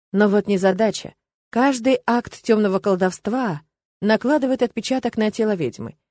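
A woman's voice: mid-range voice, darkish tone, no echo. A young adult woman reading a first-person audiobook in a wry, conversational way. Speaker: audiobook narrator.

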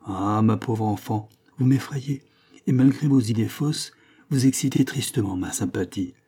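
A man's voice: on the low side, moderate pace, dark tone, breathy edge. A man voicing a kindly, patient older priest in a read-aloud novel. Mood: gentle.

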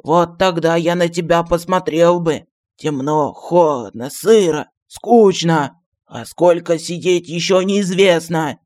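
A pompous old genie and royal stargazer, voiced by a man, fussy and easily offended. He swings between grumbling and grand declarations in a fairly high voice. A storybook figure with an odd, unusual timbre. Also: a little mellow. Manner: grandiose and touchy, flares up fast. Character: pompous excitable old male genie astrologer.

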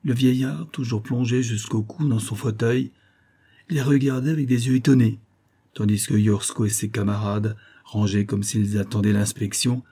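Husky, dark-voiced male audiobook narrator. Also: medium pitch. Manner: steady, measured storytelling delivery. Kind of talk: scripted narration of a classic novel.

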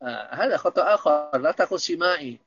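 A man's voice: a little high, animated, brisk, fairly bright tone, slightly rough, no room sound, muffled recording. A man teaching Arabic grammar in an online lesson, patiently explaining and checking that students understand.

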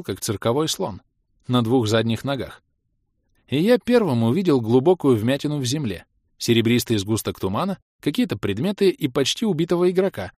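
A man narrating a first-person audiobook in an expressive way, acting out the shouts and exclamations. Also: mid-range voice, dry recording, clean studio sound.

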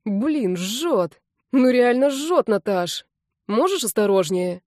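A reckless young man, played by a woman narrator, grumbling and stubborn. He speaks low and subdued in a storybook reading. The sound is close and dry. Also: lively intonation, moderate pace, warm tone, dry recording, natural voice. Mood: whining.

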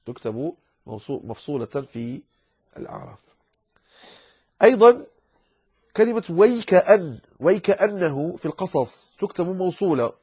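A man's voice: fairly high pitch, a little mellow, slightly rough. A man teaching Quran recitation rules in a lecture, explaining patiently and addressing his listeners as brothers. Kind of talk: classroom lecture explaining a verse text. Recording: dull lo-fi lecture recording.

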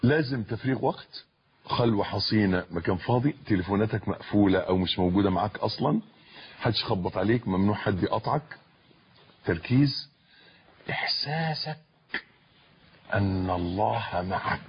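Egyptian man, husky low voice, impassioned sermon, dull lo-fi recording. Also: moderate pace, pauses often. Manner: impassioned, rising to loud emphatic peaks, repeating phrases. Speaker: preacher. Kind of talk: Islamic sermon in colloquial Arabic.

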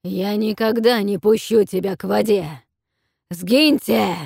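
A huge bronze dragon, a cruel male tyrant who roars his orders in a loud, booming, commanding voice, as a woman reader puts him on. The sound is dry and close, with no room around it. His words come slow and heavy. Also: vocal fry, husky, no echo, exaggerated voice. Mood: mocking.

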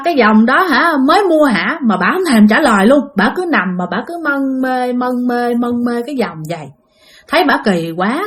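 A woman's voice: mid-range voice, fairly bright tone. A woman with a Southern Vietnamese accent telling a ghost story in a chatty way, often talking straight to her listeners. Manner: chatty, addresses listeners directly. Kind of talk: spoken ghost-story narration.

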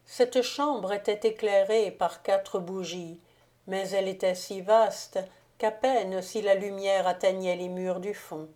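A woman narrating a classic novel as an audiobook reader, measured and literary. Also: on the low side, dark tone. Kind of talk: scripted narration.

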